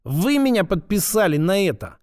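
A calm woman psychologist, as a male reader puts her on, laying out her arguments in a sober, level tone. The voice is lifted clearly higher than the narrator's. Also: normal speed. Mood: calm arguing. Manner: calm, reasoning.

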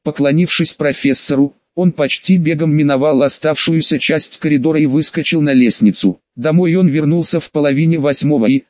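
A male audiobook narrator with a fairly high voice reads in a steady, measured way. The sound is very dry, with no room in it. The recording is slightly dull and lo-fi. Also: dry recording. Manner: steady, measured literary reading.

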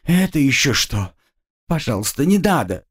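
A man's voice: on the high side, sing-song, normal speed, breathy edge, pitched above the performer's own voice. A man voicing a frightened young female student who pleads and cries out in desperation. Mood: pleading.

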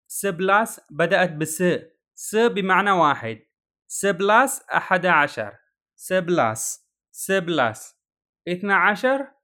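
A man teaching a language lesson, explaining in Arabic and saying each word slowly three times for the learner to repeat. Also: high-pitched, bright, forceful tone. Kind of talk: language lesson with repetition drills.

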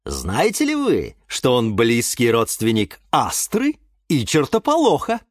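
A man's voice: mid-range voice, wildly swooping pitch, measured pace, no echo, clean studio sound. A man reading a children's audiobook voices a cheerful male TV cooking-show host with upbeat presenter patter.

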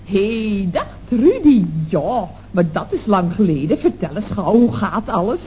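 An actress playing a chatty, gossiping office secretary in a 1960s radio comedy, exclaiming down the telephone. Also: female voice, mid-range voice, very animated, unhurried, warm tone. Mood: gossipy. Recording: dull old radio recording with faint hiss.

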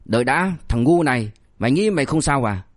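A man's voice: mid-range voice, lively intonation, brisk, dry recording, studio quality, lightly acted. A man voicing a blunt, threatening young boss who mocks and scolds in an audiobook story. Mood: menacing. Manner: harsh, threatening, mocking. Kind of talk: audiobook character voice.

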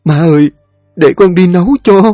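A man's voice: high-pitched, steady tone, normal speed, mellow, dry recording, clean studio sound, faint music behind, pitched above the performer's own voice, close to an everyday voice. A man voicing a tearful eldest daughter who cries and pleads with her mother. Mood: pleading. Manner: crying, pleading.

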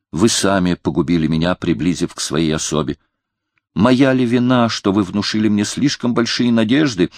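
Guy doing a fiery young courtier, low voice, impassioned and defiant, storybook reading. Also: no echo, clean studio sound. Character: hot-tempered proud young male courtier.

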